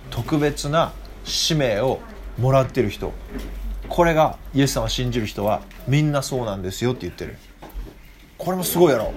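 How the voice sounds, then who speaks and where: Youth teacher, a man with an animated, swinging voice, chatty and full of questions to the group. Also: medium pitch, slight background noise. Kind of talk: interactive Bible talk to young listeners.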